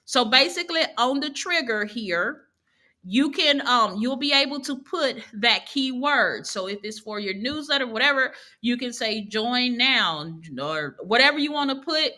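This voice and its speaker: Female online instructor with a bright, clear tone. Talks like a casual live class: chatty, quick to laugh, corrects herself as she goes. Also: high voice, expressive. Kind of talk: casual live teaching over screen share.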